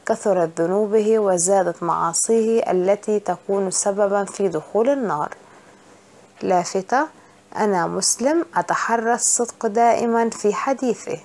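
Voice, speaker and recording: A woman teacher reads through a school lesson, stating each definition and answer plainly. Her pitch sits in the middle of the usual range, and her delivery is steady and explanatory. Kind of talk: reading a religion lesson aloud.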